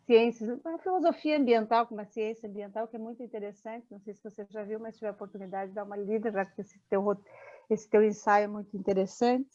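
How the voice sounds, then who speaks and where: A woman's voice: medium pitch, steady tone, fast talker, a little mellow. A woman giving a hesitant, reflective comment in a group discussion, often restarting her sentences. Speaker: meeting participant. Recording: muffled lo-fi audio.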